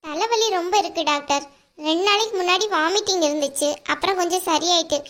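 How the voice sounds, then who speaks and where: A woman's voice: extremely high pitch, quick pace. Woman doing a meek, weary cartoon daughter-in-law. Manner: soft, tired, meek. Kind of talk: cartoon voice acting.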